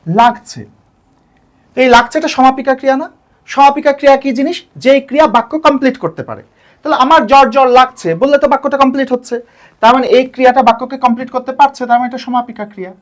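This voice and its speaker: A woman working through exam questions as a teacher, explaining step by step, asking rhetorical questions and slowly repeating key words. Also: high-pitched. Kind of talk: exam question walkthrough lesson.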